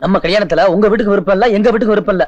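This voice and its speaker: A man's voice: high voice, racing, lightly acted. An actor playing a young village man reassuring the woman he loves, in a 1980s film. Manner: reassuring, teasing. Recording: distant dull film sound with music.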